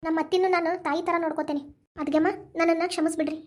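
A woman's voice: very high-pitched, fairly even intonation, very fast. A woman voicing a remorseful young married daughter in a cartoon, pleading apologetically with a North Karnataka accent. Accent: North Karnataka Kannada. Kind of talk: cartoon voice acting.

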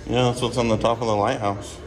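A man's voice: medium pitch, little pitch movement, fast, a crowd in the background, poor audio. A man filming a family outing, talking easily and pointing things out to his kids. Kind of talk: casual family vlog. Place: lighthouse museum, indoors and outdoors.

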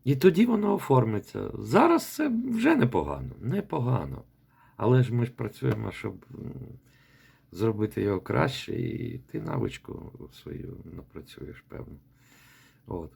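A man's voice: mid-range voice, huge pitch swings, moderate pace, gravelly, a little mellow, breathy edge. A man coaching a student's recitation in a rambling voice message, repeating words as he demonstrates. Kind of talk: spoken feedback voice message.

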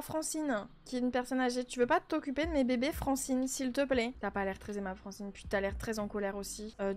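A high-pitched woman chats through her video game in a running Let's Play commentary. She jokes constantly and sounds fed up with the game's demands. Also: darkish tone. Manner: chatty, exasperated, joking. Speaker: gaming YouTuber.

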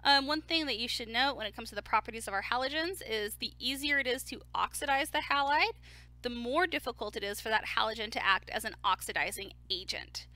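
A woman's voice: fairly high pitch, a little fast, sharp tone, no echo. A woman lecturing on chemistry in a casual, step-by-step way with frequent fillers. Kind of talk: recorded lecture.

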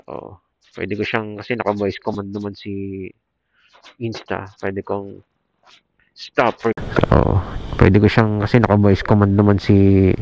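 He has a lowish, gravelly, slightly mellow voice and a Filipino accent. Riding outdoors as a motorcycle vlogger, he gives an informal product review into a Bluetooth helmet headset mic, and the muffled intercom audio carries road noise.

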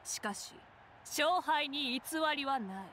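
A commanding game warrior queen, solemn and proud in ceremonial speech. Her voice is high and forceful, with clear background noise. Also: expressive, slow pace, exaggerated voice.

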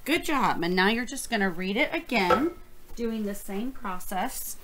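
A woman teacher demonstrating a reading fluency lesson, explaining each step slowly and praising the reader. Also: medium pitch, lively intonation, heavy background noise. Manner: encouraging, explains steps slowly.

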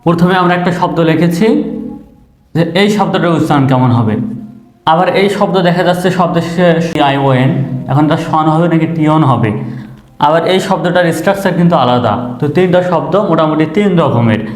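A man's voice: fairly high pitch, brisk, reverberant. A man teaching a lesson, explaining step by step and spelling words out letter by letter. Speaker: English teacher. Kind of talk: classroom lesson.

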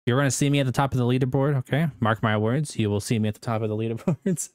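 A man's voice: medium pitch, steady tone, fast talker, a little mellow, no room sound, studio quality. A young American man with a rambling, self-correcting way of talking, giving casual esports predictions as a video host.

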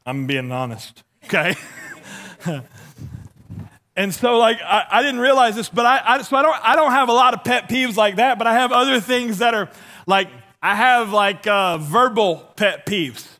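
A middle-aged pastor with a lisp delivers a humorous sermon on a church stage, walking and gesturing as he tells self-deprecating stories with acted-out dialogue. His voice sits high and sounds animated and sharp, at a moderate pace.

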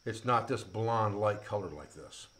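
A man's voice: on the low side, measured pace, fairly bright tone. A middle-aged man, a bushcraft instructor, explaining in plain, practical words while he works with his hands, recorded by a camera a few feet away. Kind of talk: outdoor skills demonstration. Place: outdoors by woods, then an open-sided metal shed.

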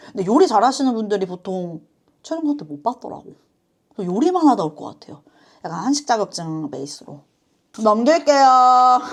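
A woman hosting a reaction video, chatting casually with quick asides and frequent apologies. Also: medium pitch.

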